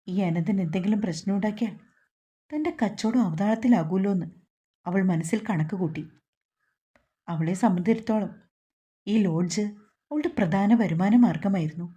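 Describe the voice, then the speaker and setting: Woman storyteller, scripted narration, mellow and husky, even dramatic reading. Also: medium pitch, moderate pace, pauses often, muffled recording.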